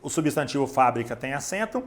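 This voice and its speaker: A man's voice: mid-range voice, expressive, fairly quick. A man with a Brazilian Portuguese accent giving an online grammar lesson, emphatic and speaking straight to the student. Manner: emphatic, addresses the student directly. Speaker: Portuguese teacher.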